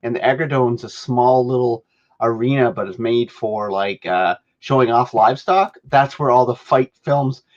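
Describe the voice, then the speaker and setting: With a mid-range voice at normal speed, this middle-aged Canadian man hosts a podcast in a casual, rambling chat full of self-corrections. The sound is dull and lo-fi.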